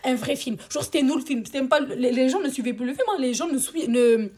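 A woman rattling through a storytime for her viewers, with a fairly high, slightly husky voice. She talks fast, swears freely and breaks off into exasperated rants, keeping the delivery animated and crude. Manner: exasperated ranting asides. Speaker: storytime vlogger. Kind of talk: storytime chat to camera.

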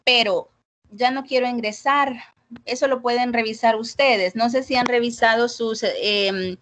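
A woman's voice: on the high side, steady tone, unhurried. A woman teaching an online English class over a video call, chatty and full of fillers, checking in with her students. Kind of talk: casual online class explaining grading. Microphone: computer mic on a video call.

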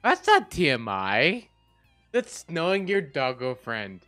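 A man's voice: medium pitch, huge pitch swings, slow pace, pushed and bright. A very drunk man streaming a game, chatting casually in a slurred, emotional, whiny and weepy way. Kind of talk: casual livestream chat over gameplay. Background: game audio and music.

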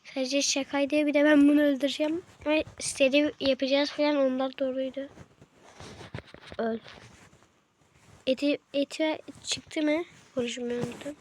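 A man putting on a girly female voice while giving casual gameplay commentary, excitable, cursing at the game and chatting to viewers. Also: extremely high pitch, moderate pace, pauses often, a little hiss or hum. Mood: playful. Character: girly female voice put on by a male gamer. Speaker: gaming streamer.

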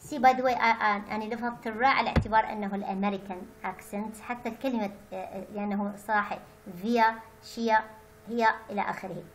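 A woman lectures on English pronunciation in a mid-pitched voice. She hesitates often and restarts phrases, then slows right down to model the English carefully. A faint hiss sits behind the recording. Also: fairly even intonation, low-quality recording. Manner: hesitant, many fillers and restarts; slow careful English, faster Arabic. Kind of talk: lecture mixing Arabic and English.

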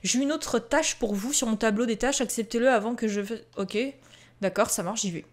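A woman's voice: on the high side, moderate pace, faint music behind. A woman casually commentating a farming game, chatting straight to her viewers and reading the game's prompts aloud. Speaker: gaming video host. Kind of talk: casual let's-play commentary.

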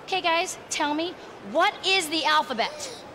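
Female interviewer with children, high pitch, clear background bustle. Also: a little slow, pushed and bright. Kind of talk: lively questioning of children. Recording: noisy public space ambience.

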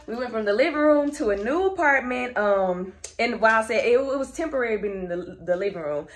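A woman, a lash artist chatting excitedly to camera in a casual vlog from her home lash room, a little out of breath. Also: medium pitch. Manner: excited and chatty, uses "y'all".

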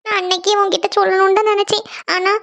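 A woman voicing a heartbroken, tearful young woman who speaks haltingly in a cartoon. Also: very high-pitched, level tone, fairly bright tone. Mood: sad. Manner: halting, self-pitying. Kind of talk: cartoon voice acting.

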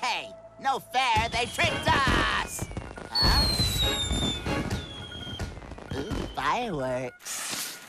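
An actress voicing a vain, childish cartoon villainess, bossy and petulant with a theatrical, drawn-out delivery. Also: female voice, on the high side, sing-song, loud music behind the voice, exaggerated voice. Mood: indignant. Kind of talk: English-dubbed cartoon acting.

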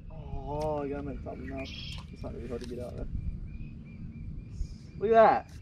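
A young man fishing from a small boat on a lake, bantering loudly and joking with his partner. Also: medium pitch, expressive, brisk. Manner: loud, joking outbursts. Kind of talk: casual banter while fishing. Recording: outdoor boat audio with clear noise.

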